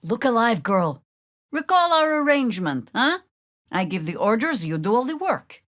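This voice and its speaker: An actress voices a stern, battle-hardened older druid heroine in a fantasy video game, with a dry, sardonic, commanding delivery and a teasing mood. Her voice is fairly high and fairly bright, very animated, at a moderate pace with no echo.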